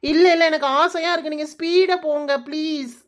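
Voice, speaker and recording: High-voiced sulky village wife, kanyakumari tamil accent, cartoon comedy, a woman doing it. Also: fairly even intonation, normal speed, close to an everyday voice. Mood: coaxing. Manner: whiny, sulky, nagging. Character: fussy young village wife Malar.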